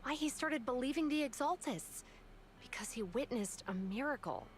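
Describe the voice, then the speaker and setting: A woman's voice: high voice, lively intonation, moderate pace, a little hiss or hum. An actress playing a composed female investigator who explains the case steadily. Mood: determined.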